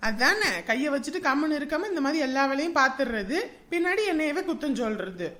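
A woman playing a defensive young mother and daughter-in-law in a family drama, firing back quick retorts. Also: sits high, expressive, a bit bright.

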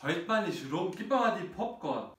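A man's voice: sits high, expressive, normal speed, noisy background. A man in his thirties acting out a slangy comedy sketch, bickering in colloquial youth slang. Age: 30s. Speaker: comedy sketch creator playing several friends. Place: living room at home, indoors. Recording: roomy, echoey, distant mic.

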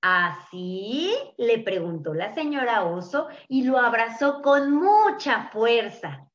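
A woman with a Mexican accent reading a children's story aloud, slowly and expressively, stopping to ask the children questions. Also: fairly high pitch, big pitch swings, dull audio.

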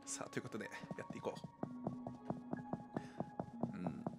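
A man's voice: moderate pace, over loud music. A man streaming a game live, chatting casually and rambling to himself and his viewers. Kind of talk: casual live-stream chat while playing. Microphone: desk microphone.

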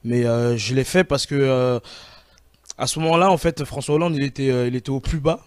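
A comedian talking casually about where his sketches come from, often pausing and searching for words. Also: mid-range voice, clean tone, no echo. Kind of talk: casual interview.

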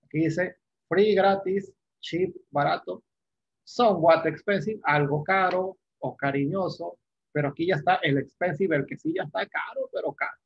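A male teacher with a gravelly, fairly high voice explains the exercise patiently. He often repeats himself and adds quick tag questions. The recording is dull and lo-fi. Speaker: English teacher.

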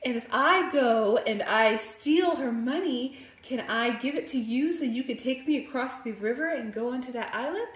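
An earnest male cat hero from a bedtime tale, put on by a woman telling the story. He asks politely and plans with eager sincerity. The voice sits fairly high and rings in an echoey room. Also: normal speed, few pauses, close to an everyday voice. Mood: pleading.

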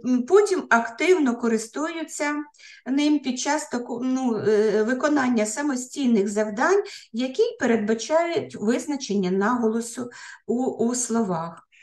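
A woman, an education researcher, lecturing teachers, pausing often on filler sounds and restarting words. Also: high voice, darkish tone. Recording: roomy echo.

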